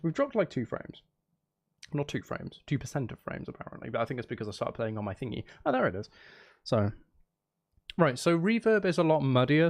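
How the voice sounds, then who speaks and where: With a slightly mellow, mid-range voice, a man livestreams himself making music, chatting loosely with viewers and thinking aloud as he rambles. Music and synth sounds play in the background.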